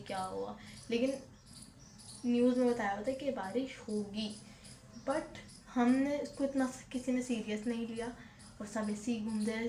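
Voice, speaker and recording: A young woman, talking quietly at home as she rambles through a story for her vlog, often repeating herself. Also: a little high. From Pakistan. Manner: speaking softly, hushed so as not to wake the household. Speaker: vlogger. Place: at home, indoors. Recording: echoey room, faint background noise.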